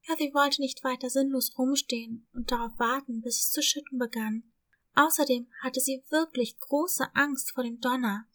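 Female narrator for a children's story, high voice and calm pace. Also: moderate pace. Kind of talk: scripted narration.

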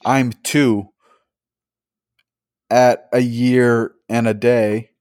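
A man's voice: medium pitch, level tone, extremely slow, darkish tone, no room sound, studio quality. Laid-back man on a podcast. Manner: laid-back, questioning, teasing. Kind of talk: casual chat.

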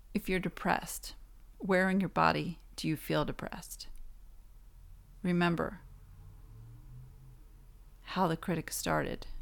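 A woman hosting a self-help podcast, giving calm, instructive advice in a gently encouraging way, while hoarse and losing her voice. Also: on the low side. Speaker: podcast host.

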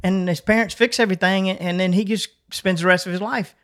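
A man's voice: high voice, steady tone, quick pace, fairly bright tone. A middle-aged man co-hosting a podcast, telling a personal story in a casual, earnest way that rambles and restarts. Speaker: podcast co-host.

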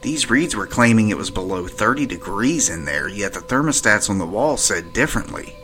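A man narrating his own paranormal investigation in a measured, matter-of-fact way. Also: on the low side, expressive, bright, forceful tone, faint music behind. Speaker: podcast narrator. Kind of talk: first-person paranormal storytelling.

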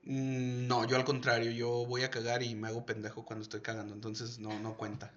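A man's voice: medium pitch, monotone, a little fast, a bit bright, muffled recording. A Mexican man co-hosting a casual, slangy chat, joking and swearing freely. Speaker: podcast co-host.

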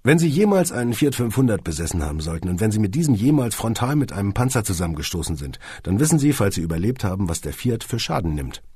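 A man narrating an audiobook with dry humour, now and then turning to address the listener. His voice is low and husky, with a lively, varied melody. The recording is close and dry. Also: quick pace, few pauses, dry recording. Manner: wry, dry humour, speaks to the listener directly.

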